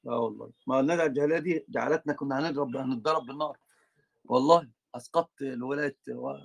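A man with a medium-pitched, gravelly voice and an Egyptian accent teaches a religious lesson. He is animated and teases his students, switching back and forth between colloquial and formal Arabic.

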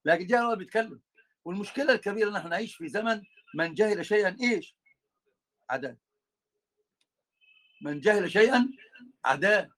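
Egyptian sheikh, brisk and lively, teasing his class mid-lesson. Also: sits high. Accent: Egyptian Arabic. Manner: animated, teasing students, switches between colloquial and formal Arabic. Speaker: sheikh teaching a religious lesson. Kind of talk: religious lesson with banter.

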